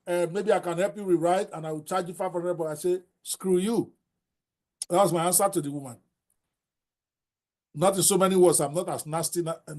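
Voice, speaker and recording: An older, high-pitched Nigerian man hosts a book-writing class, speaking with a Yoruba accent. He's blunt and animated and mixes in Yoruba phrases.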